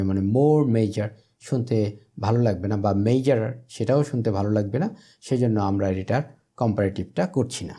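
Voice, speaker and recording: Male teacher, mellow husky voice. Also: medium pitch. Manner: explains step by step, reads English example sentences slowly and deliberately. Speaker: English teacher. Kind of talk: exam grammar lesson.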